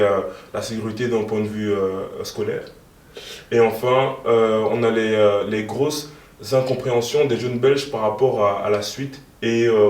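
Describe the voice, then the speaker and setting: Young guy, lowish voice, lots of ums, sounds far off in an echoey room. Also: darkish tone. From moved to Belgium in 2013. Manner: hesitant, many fillers. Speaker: guest, youth party co-president. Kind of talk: interview answers.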